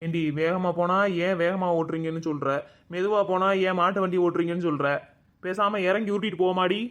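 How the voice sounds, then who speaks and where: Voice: medium pitch, fairly even intonation, a little fast, fairly bright tone, dull audio, close to an everyday voice. A performer voicing a patient, henpecked village husband in a cartoon, pleading and placating in a Madurai Tamil accent. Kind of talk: cartoon voice acting.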